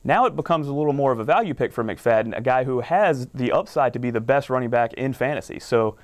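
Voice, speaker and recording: A man's voice: mid-range voice, animated, fast. A man, a fantasy sports analyst, explaining picks confidently in a studio sports talk show.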